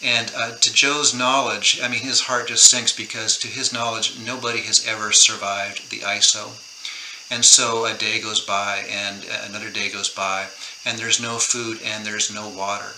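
A man's voice: on the low side, level tone, moderate pace. A middle-aged man, an author, earnestly retelling a true story in a conversation, with many fillers and restarts. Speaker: author guest. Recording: roomy echo, faint background noise.

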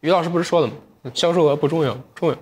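His voice is fairly high and husky, and the words come rapid-fire. He's a man in his thirties selling on a livestream from a studio set, teasing himself and chatting playfully with viewers, sometimes pausing for a reflective aside.

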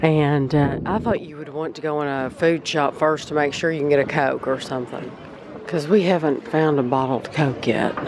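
A woman's voice: low-pitched, steady tone, normal speed, background noise. A woman narrating a casual travel vlog as she films in a large shop. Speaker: vlogger. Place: large gift shop at rest stop. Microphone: handheld camera, held by speaker. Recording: busy shop with crowd chatter.

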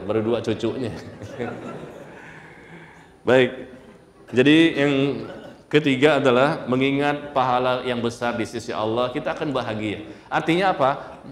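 Man, Islamic preacher, lively joking sermon, echoey hall from far off. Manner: animated storytelling, jokes with the audience, sudden high exclamations. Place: mosque hall.

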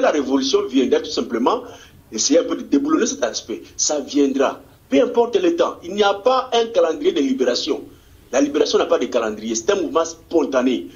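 A man from DR Congo, a political activist answering an interview in a fervent, rousing way, often stumbling and repeating words. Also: mid-range voice. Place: Congolese diaspora community in Australia. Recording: dull lo-fi TV recording.

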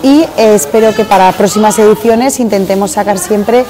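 With music in the background and crowd chatter behind, a woman in her forties speaks at a normal speed in a steady, medium-pitched voice. As organizer of a fair, she gives an on-camera interview in a busy hotel hall, answering hesitantly with many fillers.

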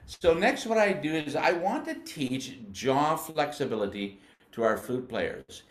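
A man's voice: fairly high pitch, animated, roomy sound. Patient older American man teaching band. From United States. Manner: patient, explanatory, demonstrates syllables slowly. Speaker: music educator. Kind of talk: instructional demonstration.

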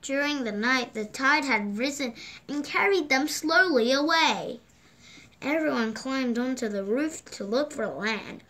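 A woman with a slightly high voice reads a children's picture book aloud slowly and gently, going up in pitch whenever a character speaks. The pages sit on a table indoors, captured from overhead by a phone or camera.

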